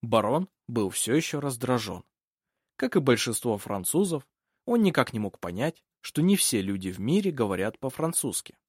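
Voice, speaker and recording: A man narrating an audiobook in a calm storytelling manner. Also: medium pitch, moderate pace, breathy edge, dry recording, studio quality. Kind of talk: scripted narration.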